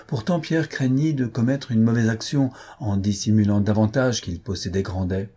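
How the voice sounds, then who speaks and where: A man calmly reading a story aloud in a measured, unhurried way. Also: on the low side. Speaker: narrator.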